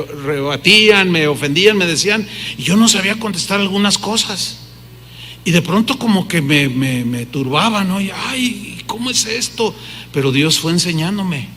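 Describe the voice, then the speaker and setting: A man's voice: high voice, sharp tone. Emphatic male preacher in reverberant hall. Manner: emphatic preaching, rhetorical questions to the congregation. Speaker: pastor. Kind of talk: sermon.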